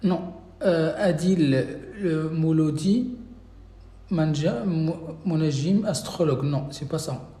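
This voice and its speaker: An Arabic teacher runs a live-stream lesson in a slightly high, slow, mellow voice, patiently reading out viewers' names and correcting each one in turn. He's recorded on a phone in an echoey room with faint background noise.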